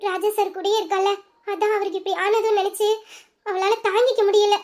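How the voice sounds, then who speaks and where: A woman voicing a young female friend who gently reasons with and soothes a crying girl in an audio drama. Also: very high-pitched, little pitch movement, fairly quick. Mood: consoling.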